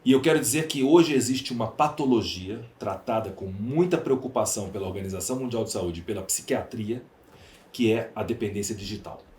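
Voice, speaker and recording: A Brazilian man with a Brazilian Portuguese accent talks as an opinionated podcast guest, speaking emphatically and rhetorically in an interview. His voice is fairly low, a little fast and somewhat dark in tone. The recording has a roomy echo and faint background noise.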